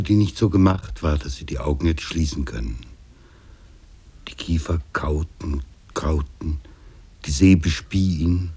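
A man playing a weary ship captain in a 1970s radio drama, husky and low. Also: dark tone, exaggerated voice. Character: weary ship captain, grey, aged by storm.

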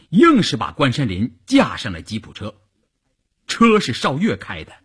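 Slow, husky man telling a story. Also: medium pitch. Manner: slow, expressive narration. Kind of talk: radio storytelling narration.

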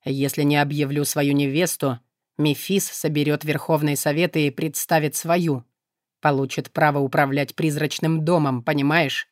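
A woman voicing a proud male demon lord of shadows in an audiobook, speaking low, measured and unhurried. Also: fairly even intonation, no room sound, studio quality, natural voice. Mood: cold. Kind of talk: audiobook character voice.

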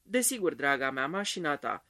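A man voicing a patient, protective husband who speaks gently. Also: fairly high pitch, sing-song, full character voice. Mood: gentle. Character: attentive patient husband, a colonel.

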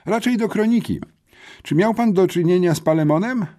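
A man's voice: sits high, normal speed, mellow, voice pushed up, lightly acted. A man voicing a clever, eager teenage boy, a school chronicler, in an audiobook. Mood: earnest. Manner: eager, clever, a little flustered. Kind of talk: audiobook character voice.

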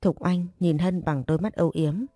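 A woman narrating a dramatic audio story in a measured way. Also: on the low side, fairly even intonation, dark tone, dry recording.

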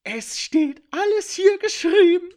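A shrill, manic villain. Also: male voice, lively intonation, slow, a little mellow, heavily acted. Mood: gloating. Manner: shrill, cackling, taunting.

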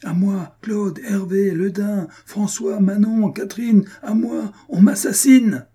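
A man voicing a panicked, bellowing middle-aged innkeeper who shouts and shrieks, with a husky voice. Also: slow pace, heavily acted. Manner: shrill, shouting.

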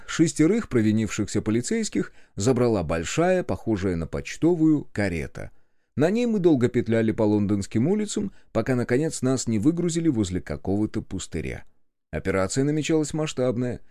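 A man reads an audiobook in the first person. His pitch moves a lot and the reading is expressive. The sound is dry and close, with no room around it. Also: normal speed, dry recording. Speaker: narrator.

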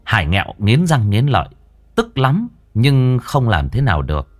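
A man's voice: medium pitch, big pitch swings, moderate pace, faint music behind. A man narrating a ghost story in a dramatic storytelling manner.

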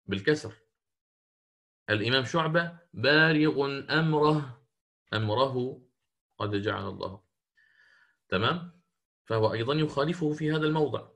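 A man teaching a lesson on Quran recitation, explaining patiently and slowing down to chant verses as examples. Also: medium pitch, fairly bright tone. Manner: explains patiently, checks in with listeners.

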